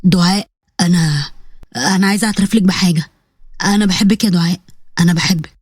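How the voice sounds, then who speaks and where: Storybook role: tender young Egyptian suitor, soft and reassuring, voiced by a woman. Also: on the low side, fast talker, husky, dry recording, clean studio sound, pitched below the performer's own voice. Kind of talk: storybook voice acting.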